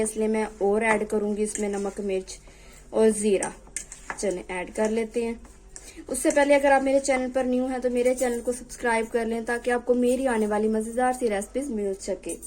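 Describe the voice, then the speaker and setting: A woman's voice: fairly high pitch, darkish tone, a little hiss or hum, low-quality recording. A young woman hosting a home cooking tutorial in her kitchen, chatting as she works and pleading with viewers to subscribe. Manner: talks while cooking, voice drops off-mic at times. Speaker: cooking channel host.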